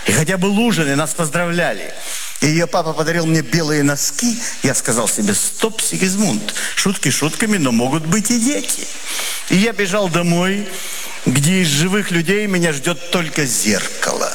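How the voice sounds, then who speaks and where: High-voiced man with deadpan comic delivery. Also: normal speed, a little hiss or hum. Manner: deadpan, wry, mock-confessional delivery. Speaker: comic performer. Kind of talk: comic monologue.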